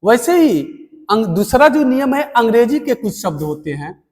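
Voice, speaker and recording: Male teacher, high voice, slow deliberate board lesson, long room reverb. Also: big pitch swings, a little mellow. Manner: slow, deliberate, repeats words for emphasis. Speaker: Hindi teacher.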